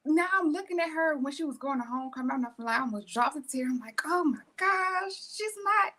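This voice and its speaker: A woman's voice: high voice, animated, fast. A woman in her thirties, co-hosting a podcast in casual chat, rambling through family stories and laughing as she talks. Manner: warm-hearted, rambling, laughs while talking. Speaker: podcast co-host.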